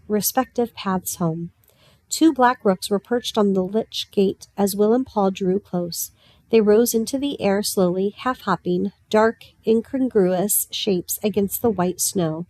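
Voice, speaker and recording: A woman narrates a novel in a calm, even reading voice. Her pitch sits in the middle range. The sound is dry and close, with no room echo. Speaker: audiobook narrator. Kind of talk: storybook narration.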